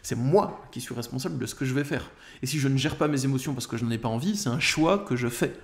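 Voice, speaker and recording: A man's voice: mid-range voice, fast talker, creaky. A man with a French accent, a coach, giving direct-to-camera advice with emphatic, example-driven explanations.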